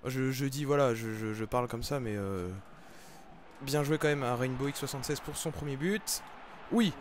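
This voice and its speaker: A young man giving live commentary over his football video game, with excitable, frustrated outbursts about his bad luck. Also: medium pitch, moderate pace, background noise. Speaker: gaming YouTuber. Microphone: desk microphone.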